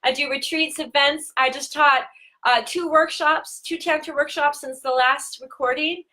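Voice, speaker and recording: A woman tantra teacher hosting a live-streamed talk, speaking earnestly and slowing down on key words. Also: sits high, fairly even intonation, sharp tone.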